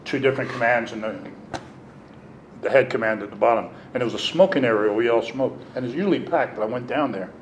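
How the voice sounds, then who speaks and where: A man's voice: medium pitch, fast. A middle-aged man speaks candidly about his past at a recovery meeting, switching into the voices of the people in his story. The room is echoey, and a faint hiss sits under his voice. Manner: candid, animated, acts out quotes. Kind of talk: personal storytelling.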